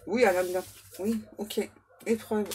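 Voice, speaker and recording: Slow-talking, chatty woman card reader. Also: mid-range voice, fairly even intonation, noisy background. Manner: chatty and self-mocking, bantering aloud with her spirit guides. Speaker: medium doing card readings. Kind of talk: casual oracle card reading.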